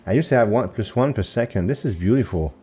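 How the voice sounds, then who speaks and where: Speaking fast and animatedly, a man with a lowish, dark voice and a breathy edge comments casually on gameplay for his own channel. Soft background music accompanies his home recording as he thinks aloud, using hesitant fillers and self-corrections.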